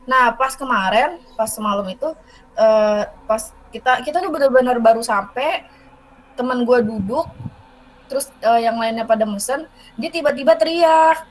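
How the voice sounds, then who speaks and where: A woman's voice: on the high side, moderate pace, a little hiss or hum, poor audio. Young woman telling a spooky story. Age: young adult. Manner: rambling storytelling with fillers. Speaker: guest storyteller. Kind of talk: casual podcast chat.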